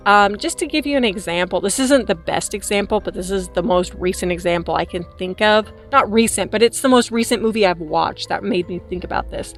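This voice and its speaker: A woman's voice: mid-range voice, a little fast, few pauses, soft background music. A giggly, tipsy-sounding woman rambling casually and animatedly as she gives a chatty review to camera. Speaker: movie reviewer hosting a vlog.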